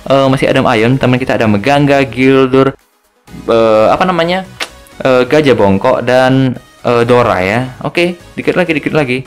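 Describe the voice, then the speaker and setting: A man's voice: medium pitch, moderate pace, clear, resonant tone, faint music behind. A young man gives casual, joking commentary over a mobile game, tacking little tag words onto his phrases. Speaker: gaming video host.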